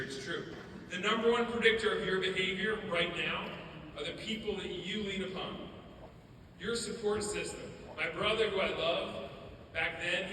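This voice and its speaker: A man giving a school assembly talk as a motivational speaker, telling stories in an animated way in a school auditorium. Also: sits high. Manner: storytelling, animated. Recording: echoey hall from far off, background noise.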